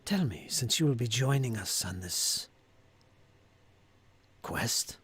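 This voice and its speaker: Man voicing a mystical, wary elf druid, swooping pitch. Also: animated, normal speed, slight background noise, close to an everyday voice. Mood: probing, intense.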